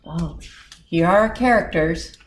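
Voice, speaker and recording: A woman with a lowish voice and measured pace, a children's librarian, gives an animated storybook read-aloud at storytime. She throws in asides aimed straight at the young audience.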